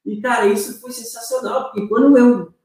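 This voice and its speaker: Far from the mic in an echoey room, a young Brazilian guest with a Brazilian Portuguese accent chats casually while recounting a story, full of repeated words and slangy fillers. His voice is very high-pitched and a little mellow, with fairly even intonation and a slightly fast pace.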